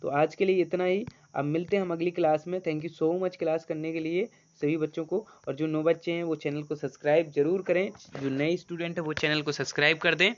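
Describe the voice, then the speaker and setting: A male teacher leading an online grammar class, coaxing students and reading English sentences slowly. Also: fairly high pitch, fairly even intonation, slight background noise. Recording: dull lo-fi sound.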